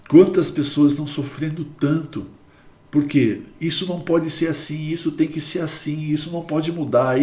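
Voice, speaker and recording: A man's voice: a little high, darkish tone, roomy sound. A man with a Brazilian Portuguese accent gives a live church teaching on addiction recovery. He explains step by step, repeats his points and drops in exclamations.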